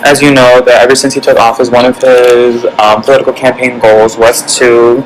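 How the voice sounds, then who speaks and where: A man's voice: medium pitch, level tone, moderate pace, a little hiss or hum, rough recording. A young man conducting a casual class interview, hesitant and full of ums. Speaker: student interviewer. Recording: background music.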